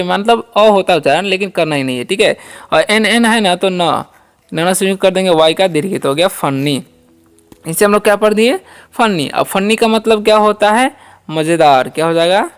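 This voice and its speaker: He has a clean, high-pitched voice and walks beginners through spoken English one word at a time. Asking and answering his own questions, he keeps checking understanding with "ठीक है".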